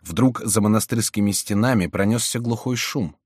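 A man narrating an audiobook in a steady storytelling manner. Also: lowish voice, moderate pace, breathy edge, no echo, studio quality.

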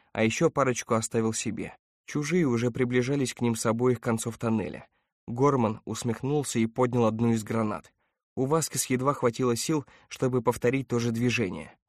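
A man's voice: mid-range voice, no echo. Man narrating an audiobook, dry close sound.

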